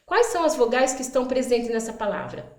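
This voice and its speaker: A woman teacher explaining early literacy activities, sounding out words slowly and acting out her prompts to children. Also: on the high side, expressive, a little mellow, echoey room. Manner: stretches out words for demonstration, acts out classroom prompts. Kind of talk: instructional explainer.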